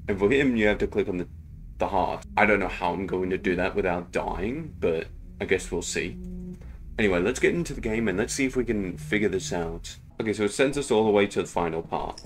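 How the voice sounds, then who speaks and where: Low-voiced man narrating a horror game. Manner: chatty, thinks out loud, jumpy exclamations. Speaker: gaming video host. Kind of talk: casual horror game commentary.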